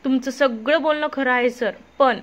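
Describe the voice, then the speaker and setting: A woman's voice: high voice, moderate pace, lightly acted. A woman voicing an honest, worried young husband who works as an office clerk, speaking in an earnest, pleading way.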